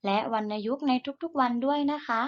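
A woman teacher giving a recorded reading lesson to young children. She speaks slowly, models each sound clearly for the children to repeat, and encourages them gently. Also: sits high, highs cut off. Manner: slow, deliberate modelling of sounds for repetition. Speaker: primary school teacher.

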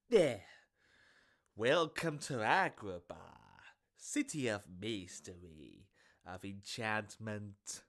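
A man voicing a sly, chatty street peddler who shifts between hushed and booming theatrical sales patter. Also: exaggerated voice.

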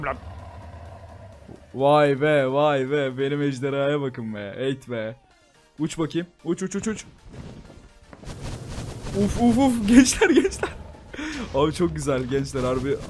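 An excitable young man chats through his gameplay in casual let's-play commentary, often breaking into exclamations as he talks to his viewers. His voice sits a little high for a man. Faint music plays underneath. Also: moderate pace, long pauses. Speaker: gaming YouTuber.

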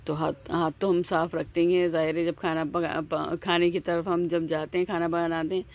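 Explaining a home recipe step by step, a cooking channel host speaks at normal speed in a fairly low, slightly mellow voice with a level tone. Her talk is casual and chatty, repetitive, and dotted with "aa" fillers and restarts.

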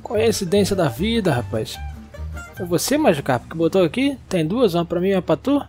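Excitable Brazilian man gaming. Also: high-pitched, fairly quick, faint music behind. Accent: Brazilian Portuguese. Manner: excitable, exclaiming and talking to game characters. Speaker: gaming YouTuber. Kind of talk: let's-play commentary.

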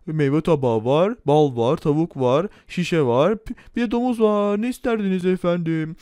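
A man's voice: on the high side, moderate pace, warm tone, dry recording, close to an everyday voice. A man playing a courteous, kind-hearted restaurant waiter in a game role-play. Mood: polite.

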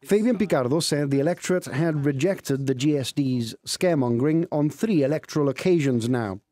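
A man narrating a news report in a measured, formal way. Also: on the high side, mellow. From Gibraltar.

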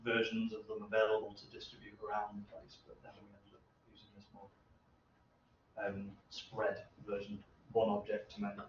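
At an informal technical seminar, a researcher in his thirties answers questions, thinking aloud haltingly in a fairly low, monotone voice. A distant camera microphone in a medium-sized, hard-walled room makes the recording roomy, muffled, and noisy.

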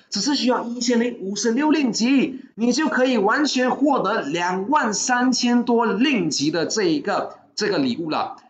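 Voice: medium pitch, muffled recording. Host, chirpy hard sell, echoey room. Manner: upbeat, urging, sprinkles English words and sentence particles. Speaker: livestream host of a book club. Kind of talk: live-stream sales pitch and Q&A.

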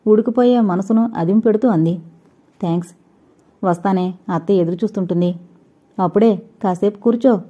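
A woman's voice: mid-range voice, fairly quick, warm tone, slightly rough. A woman reading a novel aloud, narrating and speaking every character's lines herself with little change of voice. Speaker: storyteller. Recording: dull lo-fi recording.

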